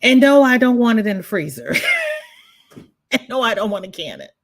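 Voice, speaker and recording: Speaking at a moderate pace in a fairly high, animated voice, a Southern American woman hosts a crochet livestream. She rambles casually and reads viewer comments aloud, her voice congested. Self-interruptions and restarts are frequent.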